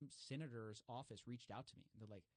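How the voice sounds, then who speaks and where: An animated man explaining things in a relaxed conversational way, full of fillers and quick restarts. His voice sits in a middle range for a man. The sound is close and dry, with little room around it. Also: medium pitch, dry recording.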